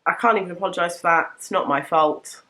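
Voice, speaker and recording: A woman's voice: lowish voice, fast, pushed and bright. Chatty young woman, nasal from a cold. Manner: chatty, rambling, self-correcting. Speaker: book vlogger. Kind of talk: casual chat to camera.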